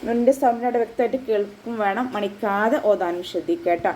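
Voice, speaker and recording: A woman's voice: mid-range voice, fast, mellow, a little hiss or hum, poor audio. A woman Quran teacher giving a patient, step-by-step tajweed lesson, often checking that her students follow. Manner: patient step-by-step instruction, with frequent checks for understanding.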